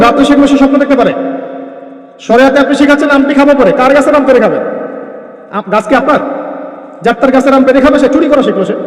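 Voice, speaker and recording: A man preaching a sermon, firing rhetorical questions at his listeners. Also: very high voice. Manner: emphatic, rhetorical questions to the crowd. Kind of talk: Bengali Islamic sermon. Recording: echoey hall.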